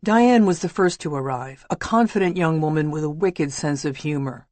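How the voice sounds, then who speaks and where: Measured woman narrating a memoir. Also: low voice, a little mellow, no echo. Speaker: audiobook narrator.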